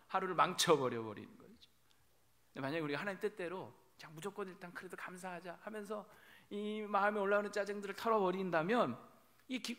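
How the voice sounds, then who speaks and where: A man's voice: high voice, pushed and bright. A male pastor preaching a sermon, telling a story animatedly and acting out imagined dialogue. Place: church sanctuary.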